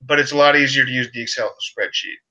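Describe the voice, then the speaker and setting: A man's voice: mid-range voice, quick pace, bright, forceful tone, dull audio. A man in a casual study-group video call, explaining things loosely and hesitantly as he thinks aloud.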